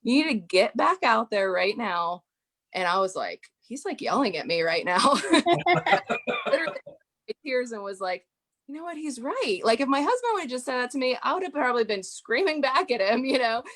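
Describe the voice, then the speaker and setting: A woman's voice: fairly high pitch, huge pitch swings, moderate pace, a bit bright. Chatty woman guest, frequent fillers. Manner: chatty storyteller, frequent "you know" fillers. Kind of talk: casual podcast interview.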